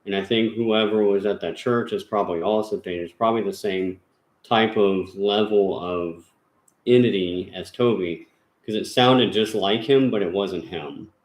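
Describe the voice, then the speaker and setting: A man with a fairly low voice hosts a ghost-hunting channel from his home. He talks casually and rambles, stopping and restarting with plenty of fillers. The room gives his voice a noticeable echo. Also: normal speed. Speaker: paranormal investigator channel host. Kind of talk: casual chat. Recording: roomy echo.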